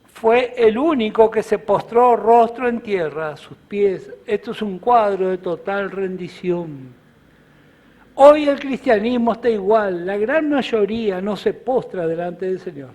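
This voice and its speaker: A male pastor preaching a sermon in short, measured phrases with pauses between them. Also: sits high, a little mellow.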